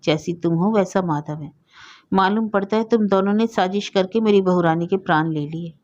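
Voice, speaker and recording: A woman's voice: mid-range voice, moderate pace, darkish tone, muffled recording, close to an everyday voice. A woman reading the lines of a stubborn, grief-struck aging elder brother in an insistent, pleading way. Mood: reproachful.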